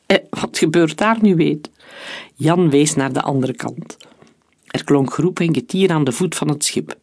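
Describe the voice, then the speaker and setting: Narrator reading out a story, steady and even. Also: medium pitch, gravelly.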